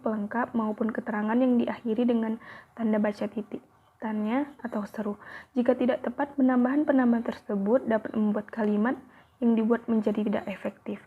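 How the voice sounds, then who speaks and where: Young woman reading class notes, kinda husky, tinny phone-like sound, bit high. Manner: careful, evenly paced reading with small slips. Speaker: university student presenter. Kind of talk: reading a lesson aloud.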